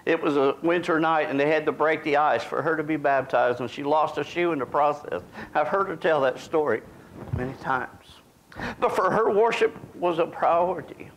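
A man's voice: a little high, moderate pace, slight background noise. A middle-aged man, preaching a sermon in a small church in a folksy, conversational way. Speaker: pastor. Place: small church sanctuary, indoors.

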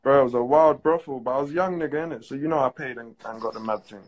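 A man's voice: mid-range voice, rapid-fire. A young man, chatting and teasing in slangy casual banter on a phone live stream. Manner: slangy, teasing, laid-back storytelling.

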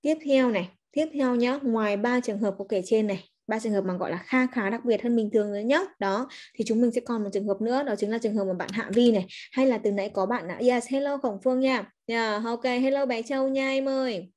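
A woman's voice: on the high side, brisk, few pauses, darkish tone. A woman English teacher, giving a chatty livestreamed grammar lesson and coaxing students with frequent check-ins. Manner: chatty, coaxing, peppers speech with "ok" and "nhá".

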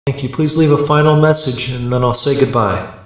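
A man deliberately asking questions aloud to an unseen listener, as host of a spirit box session. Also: mid-range voice. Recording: very echoey room, handheld phone video.

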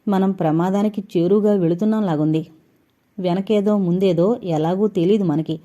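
A woman voicing a calm, steady young man who leads his friends, speaking slowly and firmly. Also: mid-range voice, lo-fi sound, natural voice. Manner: slow, measured, firm.

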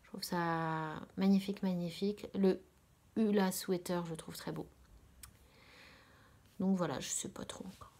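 A woman from France hosting a casual knitting podcast, talking hesitantly with many fillers, often dropping to a soft near-whisper and repeating her words of praise. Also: on the low side, fairly even intonation, unhurried, pauses often. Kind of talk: casual chat about knitting.

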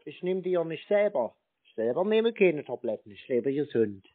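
A man posing as a customer makes a prank phone call, sounding casual yet insistent and repetitive in a naive way. His voice is on the high side and sing-song at a moderate pace, heard over a tinny, narrow phone line.

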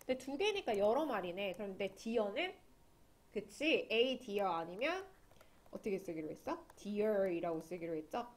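A woman's voice: mid-range voice, big pitch swings, moderate pace. A young woman teaching an English grammar lesson online, chatty and often checking that students follow along.

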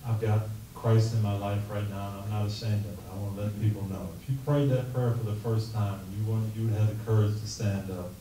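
A middle-aged man with a dark, mellow voice talks in an earnest, measured way, softly pleading at times. His voice rings around a bare, echoey room and is picked up from some distance away by the camera. His pitch sits a little low. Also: steady tone, slight background noise. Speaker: guest speaker. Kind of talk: motivational talk and prayer. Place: classroom meeting room, indoors. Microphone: handheld mic.

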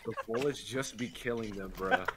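Casting: young man, deep voice, casual gamer talk, very noisy voice chat with game gunfire. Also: moderate pace. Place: online voice chat over gameplay.

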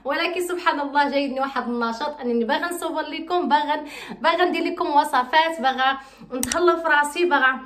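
Chatty moroccan lady doing a beauty vlog, high voice, quick talk, echoey room. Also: fairly bright tone, slight background noise. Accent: Moroccan Arabic. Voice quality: bubbly, chatty, repeats herself. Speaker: beauty vlogger. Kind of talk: casual vlog chat and recipe explanation.

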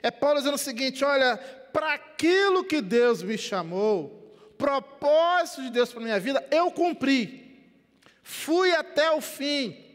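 Speaking in an extremely high pitch at a measured pace, an older Rio de Janeiro pastor delivers an animated sermon in Brazilian Portuguese through a headset mic. Gesturing widely, he drops to a hush and builds back up, his words echoing in the long reverb of the church sanctuary.

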